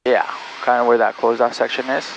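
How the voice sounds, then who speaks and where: A man working as a flight instructor, giving calm, encouraging step-by-step instructions over a cockpit intercom. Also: medium pitch, a little fast, creaky. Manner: encouraging, directive, explains step by step. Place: inside a small airplane in flight. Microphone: aviation headset. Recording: muffled aircraft intercom with engine noise.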